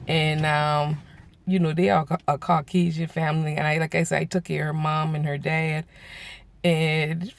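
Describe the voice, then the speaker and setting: A man, telling a story to his viewers in a casual, animated way and acting out the voices of people he quotes. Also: on the high side, moderate pace. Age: 40s. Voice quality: gravelly. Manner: animated, acts out quoted voices, laughs often. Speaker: vlogger.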